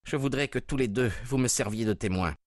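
A man's voice: mid-range voice, a little fast, no echo, voice pushed up, natural voice. An agitated husband speaks in a raised, insistent voice, bent on getting his way, as a man reads his part aloud. The recording is dry and close. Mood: urgent. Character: agitated, determined husband, tense and urgent.

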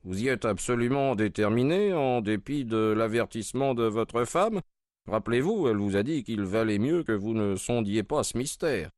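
A man voicing a calm detective in a read-aloud story, speaking in a measured, deliberate way. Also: medium pitch, no echo, clean studio sound, pitched above the performer's own voice, lightly acted.

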